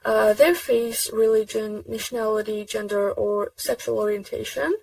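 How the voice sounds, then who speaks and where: A woman giving a prepared academic presentation over a video call, with a halting, deliberate delivery. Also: mid-range voice, steady tone, gravelly, a little mellow, no room sound. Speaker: conference presenter. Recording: distant mic on video call.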